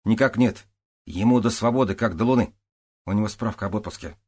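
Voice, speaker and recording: Gruff mocking sergeant, blunt, audiobook character, by a man, husky. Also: fairly low pitch, brisk, mellow, pitched above the performer's own voice. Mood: scoffing. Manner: scoffing, blunt.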